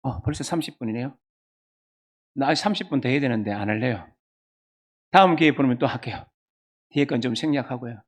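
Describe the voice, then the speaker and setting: A man in his fifties with a Gyeongsang accent, preaching a sermon as a pastor through lively storytelling and questions to the congregation. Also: medium pitch, brisk, pauses often, breathy edge. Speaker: pastor and seminary professor.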